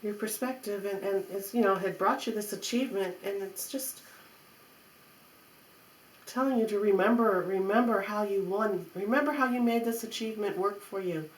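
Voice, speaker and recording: A woman's voice: mid-range voice, moderate pace. Woman giving mystical tarot reading, echoey room. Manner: repeats phrases for emphasis, coaxing and reassuring. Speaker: tarot reader. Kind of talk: mystical tarot horoscope reading, spoken off the cuff. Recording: roomy echo, faint background noise.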